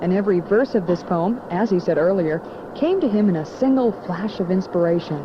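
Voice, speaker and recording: A woman's voice: lowish voice, lively intonation, a little fast. A woman reading scripted documentary narration. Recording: dull lo-fi, clear background noise.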